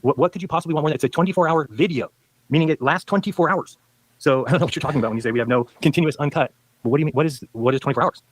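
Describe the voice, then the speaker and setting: A man's voice: a little high, very fast, no echo, poor audio. A man arguing his side in a debate, insistent and lecturing. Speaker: debater in a played debate video. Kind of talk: debate argument.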